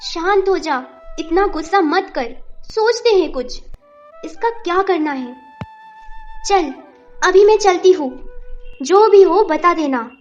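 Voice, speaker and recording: A woman's voice: very high-pitched, expressive, takes it slowly, darkish tone, muffled recording, faint music behind, full character voice. A woman playing a blunt, caring young female friend in an audio drama, talking informally. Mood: calming. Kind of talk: Hindi audio drama acting.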